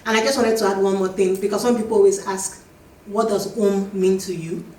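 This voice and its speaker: A woman author on a panel, answering an audience question in a reflective, emphatic way, slowing down to stress her points. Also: mid-range voice, steady tone, a little mellow. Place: event hall. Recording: echoey hall, distant mic, faint noise.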